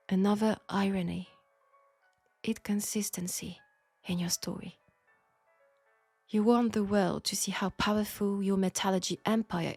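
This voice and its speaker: In a dry recording, this medium-pitched audio roleplay performer speaks with a French accent as a frank, perceptive young Parisian seamstress in an intimate steampunk audio drama. Her mood is pointed and critical, gently reproachful, delivered in a soft, breathy hush. She speaks deliberately, with pauses and breathy sighs.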